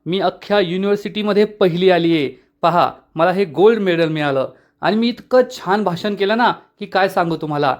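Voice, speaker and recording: A man narrates as an eager young woman from a TV serial who has just graduated, talking with excitement. The voice stays close to a man's own, quick and earnest. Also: high voice, close to an everyday voice. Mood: excited.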